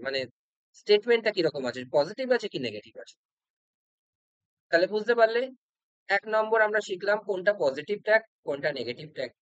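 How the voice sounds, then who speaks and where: Patient high-voiced male grammar teacher. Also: no echo, poor audio. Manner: patient, repeats points and checks in with "okay?". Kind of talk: exam-prep grammar lesson.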